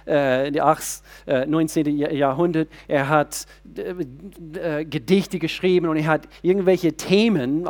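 A middle-aged male pastor preaching a sermon, asking the congregation rhetorical questions and often restarting his sentences. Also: fairly high pitch.

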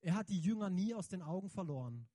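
A man giving a lively, conversational sermon, emphatic and slangy, often turning to the audience with questions. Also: high voice, quick pace, dry recording. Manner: emphatic, slangy, keeps asking the audience "right?". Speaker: preacher.

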